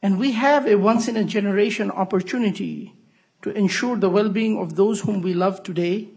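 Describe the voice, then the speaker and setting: High, gravelly man from Bangladesh. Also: normal speed, darkish tone, muffled recording. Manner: earnest, formal speech. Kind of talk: legislative testimony.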